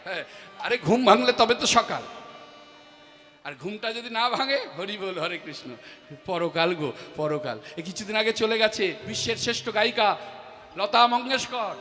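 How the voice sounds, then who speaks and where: High-voiced impassioned male preacher. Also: moderate pace, pushed and bright. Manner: impassioned, emphatic, chanting refrains. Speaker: kirtan singer and preacher. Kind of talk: devotional sermon storytelling. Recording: echoey hall with faint music.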